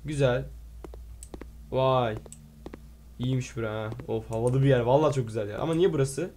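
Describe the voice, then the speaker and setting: A man hosting a gaming video, reacting excitedly, swearing playfully at the game and reading its text aloud as he plays. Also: mid-range voice, normal speed, a little hiss or hum. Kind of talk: let's play commentary.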